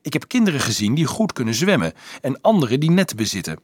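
Male narrator doing resolute teen boy leader; firm, husky. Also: medium pitch, very animated, fast talker, no room sound, studio quality, pitched above the performer's own voice. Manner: firm, explaining, sometimes angry. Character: resolute teenage boy leader, practical planner.

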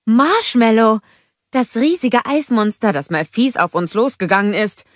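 A woman's voice: on the high side, animated, measured pace, no echo, studio quality, pitched above the performer's own voice. A woman voicing a practical young man who sells ice, in a storybook reading. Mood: worried.

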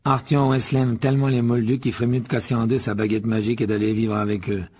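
A man voicing a sneering, arrogant pure-blood boy wizard, scornful and gloating in a raspy voice. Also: medium pitch, level tone, fast talker, a little mellow, close to an everyday voice.

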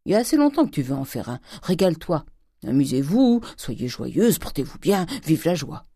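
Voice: medium pitch, sing-song, moderate pace, mellow, no room sound, clean studio sound. A reader voicing a miserly, scheming old man of seventy-six who wheedles and gloats over gold. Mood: coaxing. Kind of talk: audiobook character voice.

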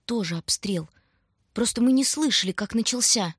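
A woman's voice: fairly high pitch, lively intonation, normal speed, husky, dry recording, clean studio sound, voice pushed up. A woman voicing an anxious young boy who insists he is not afraid, in an audiobook. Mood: uneasy. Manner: insistent, uneasy. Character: anxious young boy, trying to sound brave. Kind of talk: audiobook character voice.

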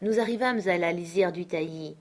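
A woman with a somewhat low voice reads a classic adventure novel aloud. Her delivery is measured and expressive, the steady pace of an audiobook narrator.

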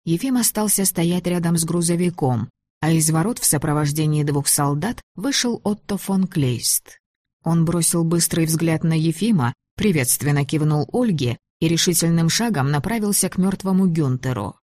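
Woman audiobook narrator, low voice, measured even reading, dry close mic. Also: dry recording.

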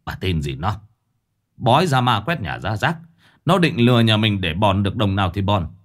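A man's voice: fairly low pitch, big pitch swings, normal speed. A man voicing an arrogant, hot-tempered middle-aged village chief in a ghost story, barking orders and sneering. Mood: furious, scornful. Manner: shouting, scornful and bullying.

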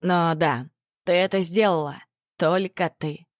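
A woman reading a calm, teasing male dark lord who speaks with quiet assurance, in a dry close recording. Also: lowish voice, slow pace, no room sound. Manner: teasing, gently smirking.

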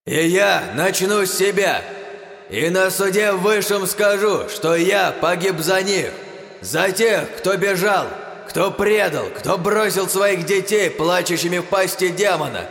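Audiobook hero's amplified battle speech put on by a male narrator: high, slow and shouted, with big cave echo. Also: soft background music, full character voice. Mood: booming. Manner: slow, drawn-out, shouted proclamation. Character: grim male hero booming a magically amplified war speech. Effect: heavy cave-like echo and long reverb. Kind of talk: audiobook character reading. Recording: heavy cavernous echo with long reverb.

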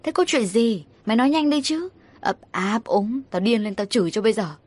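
A woman's voice: on the high side, lively intonation, fairly quick, dry recording. A woman voicing a short-tempered middle-aged mother who scolds sharply and impatiently. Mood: scolding.

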